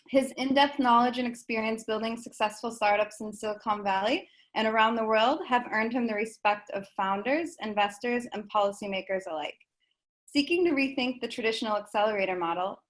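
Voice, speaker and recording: Woman hosting a video call, kinda high voice, reads her intro nice and orderly. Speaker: host of an online speaker session. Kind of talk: scripted introduction and interview.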